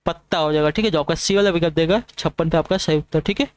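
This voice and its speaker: Fast-talking male exam prep teacher. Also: fairly high pitch, dry recording. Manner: fast, repetitive checking-in with students. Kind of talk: online class lesson.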